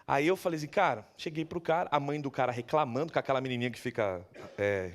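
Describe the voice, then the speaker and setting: A male pastor with a Brazilian Portuguese accent, preaching a sermon in a church in a lively storytelling manner and acting out the people he quotes. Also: mid-range voice, quick pace.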